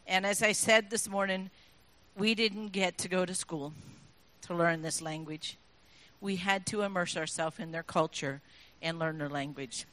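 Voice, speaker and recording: A woman's voice: medium pitch, fairly bright tone. A woman giving an informal, chatty talk to listeners, explaining things and often putting questions to them. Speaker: speaker addressing an audience. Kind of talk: informal talk explaining sayings, with recited examples.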